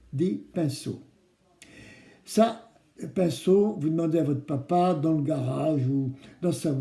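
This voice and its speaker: A man's voice: a little high, mellow. A man hosting a kids show, speaking to children with simple, coaxing explanations and questions. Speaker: children's craft show host. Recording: roomy, echoing room.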